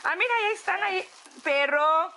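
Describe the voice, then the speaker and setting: Excitable Mexican woman with a bright voice. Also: very high voice, a little hiss or hum. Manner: excitable, gushing, drawn-out words. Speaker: vlogger. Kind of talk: casual home vlog. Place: apartment.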